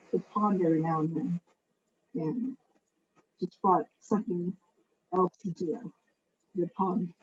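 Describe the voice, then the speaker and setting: A woman painter talking informally about her own art as a panel guest, in a halting, meandering way. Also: fairly low pitch, darkish tone. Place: online video call. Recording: noisy, muffled video call audio.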